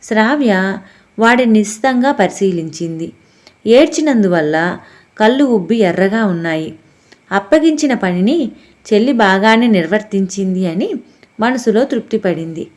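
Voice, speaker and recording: A woman narrating a family audiobook story in a steady, expressive storytelling manner. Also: medium pitch, normal speed, long pauses. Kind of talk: scripted narration.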